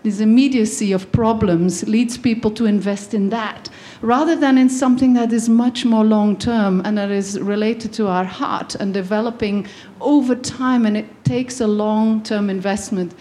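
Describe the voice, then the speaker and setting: A woman's voice: medium pitch, fairly even intonation, moderate pace, hardly any pauses, dark tone. A woman from Belgium giving an earnest faith-based talk on education, with frequent ums and restarts. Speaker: guest speaker.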